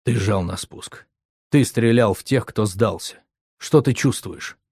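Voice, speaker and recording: A male narrator voicing a furious young man who shouts indignantly at his comrades. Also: fairly low pitch, unhurried, husky, no room sound, clean studio sound, exaggerated voice. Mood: cold questioning.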